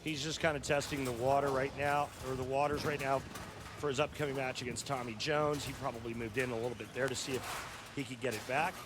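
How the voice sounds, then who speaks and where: A man's voice: mid-range voice, level tone, fairly quick, noisy background. An American man giving analytical live sports commentary as a color analyst. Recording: crowd and music behind voice.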